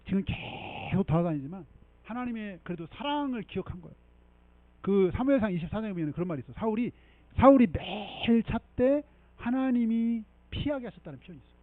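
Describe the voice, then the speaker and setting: A man preaching a sermon as pastor, animated and emphatic, often checking in with the congregation and leading them in reading scripture. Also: high-pitched, no room sound, narrow, tinny audio. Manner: animated preaching with frequent rhetorical 'eung?' checks. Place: church sanctuary.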